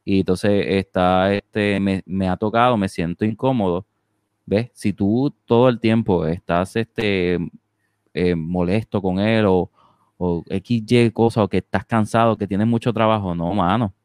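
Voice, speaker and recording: A man's voice: fairly low pitch, steady tone, measured pace, darkish tone, clear, resonant tone, no room sound, studio quality. A man talking casually in a two-person conversation, with lots of fillers and tag questions.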